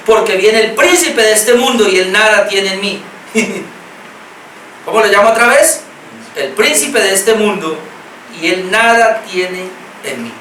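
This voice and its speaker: A Colombian pastor preaches in a church hall, his high voice pushed and bright, with a little hiss or hum in the audio. Earnest and repetitive, he reads scripture aloud and stresses key words, picked up by a distant mic in the echoey hall.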